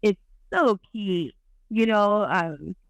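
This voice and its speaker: A woman's voice: mid-range voice, slow pace, gravelly, no room sound, low-quality recording. A woman guest on a podcast, chatting candidly in a rambling, bawdy, giggly way. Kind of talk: candid casual chat.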